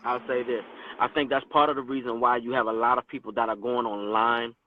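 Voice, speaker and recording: A man's voice: mid-range voice, level tone, fairly quick, phone-quality sound, crowd noise. A man joining a Bible study discussion, agreeing with the others and chiming in with his own view. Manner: affirming, chimes in with agreement.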